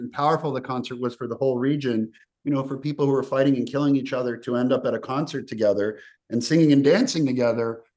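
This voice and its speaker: A film director from the former Yugoslavia answers interview questions. He speaks in an ordinary male pitch, earnest and reflective, letting his thoughts run on at length.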